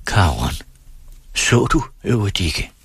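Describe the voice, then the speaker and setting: A man voicing a young singer whose voice is full and soft, pleading urgently. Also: on the low side, big pitch swings, vocal fry, breathy edge, dry recording, heavily acted.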